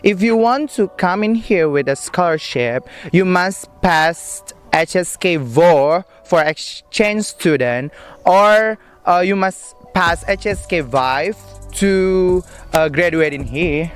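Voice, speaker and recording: A young Indonesian man with an Indonesian accent answers street-interview questions outdoors in a park, upbeat and chatty yet hesitant, with lots of fillers. His high voice is smooth and expressive, he speaks slowly, and faint music plays behind him.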